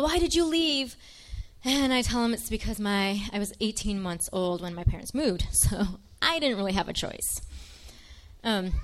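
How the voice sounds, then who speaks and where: A woman's voice: on the high side, a bit bright. A young woman from Michigan giving an earnest, chatty personal faith testimony to an audience, with frequent ums.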